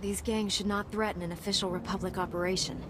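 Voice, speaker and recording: A resolute female knight acted by a woman in a video game, speaking formally and with composure. Her pitch is medium and there is clear ambient noise behind her. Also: level tone, quick pace, lightly acted. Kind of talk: scripted video game dialogue.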